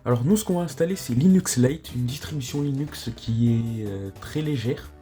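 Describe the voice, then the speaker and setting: A man's voice: mid-range voice, moderate pace, warm tone, faint music behind. A man casually narrating a tech vlog, laid-back, with lots of hesitations and mild swearing, on a cheap microphone. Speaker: tech YouTuber.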